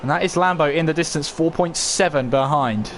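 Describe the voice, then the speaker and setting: A man's voice: on the high side, fairly quick, background noise. A man commentating live on a motor race as a motorsport commentator, calling it play-by-play and posing questions as he goes. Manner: running play-by-play with rhetorical questions.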